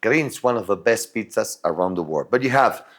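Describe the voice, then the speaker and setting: A man's voice: on the low side, animated, fairly quick. A man from Argentina speaking English with an Argentine Spanish accent as a native Spanish speaker. He co-hosts a casual chat, talking enthusiastically with stumbling restarts and frequent laughter.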